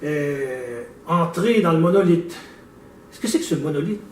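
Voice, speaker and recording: High-voiced man, echoey room. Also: lively intonation, unhurried, slight background noise. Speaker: interviewer and poet. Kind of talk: poetry reading and interview questions. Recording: echoey room, mic at a distance.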